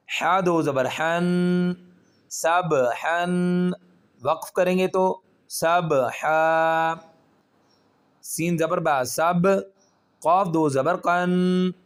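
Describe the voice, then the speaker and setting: Slow, patient male recitation teacher. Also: on the high side. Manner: slow, patient, spells out letters and drawn-out syllables. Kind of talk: step-by-step recitation lesson.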